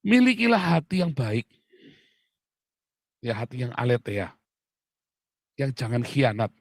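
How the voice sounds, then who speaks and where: A man preaching a sermon in a chatty, lively way, laughing often and calling listeners "saudara". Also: medium pitch, slow, no room sound, clean studio sound.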